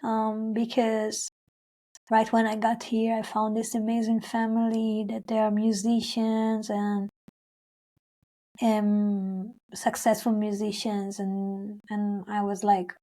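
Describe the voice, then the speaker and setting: Her mid-range voice is completely flat and dark in tone, delivered at a slow pace. She is a young Hebrew-speaking singer from Israel-Palestine recounting her life in English for an interview. The account rambles with many fillers and restarts, and she re-enacts what she once said.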